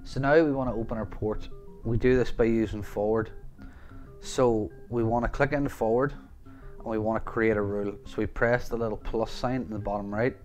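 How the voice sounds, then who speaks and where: A man's voice: fairly low pitch, fairly even intonation, normal speed, darkish tone, faint music behind. A man with a Northern Irish accent narrating a step-by-step tech tutorial over a screen recording, casually repeating the same phrases as he walks through each setting. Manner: step-by-step, repeats "gonna wanna". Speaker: tutorial host.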